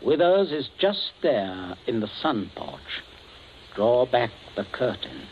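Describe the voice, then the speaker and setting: A man's voice: mid-range voice, big pitch swings, takes it slowly. A suave, menacing father. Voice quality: suave, coldly jovial. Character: scheming, menacing middle-aged father with gun. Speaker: radio drama actor. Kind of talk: 1940s radio acting. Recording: dull old radio recording, faint hiss.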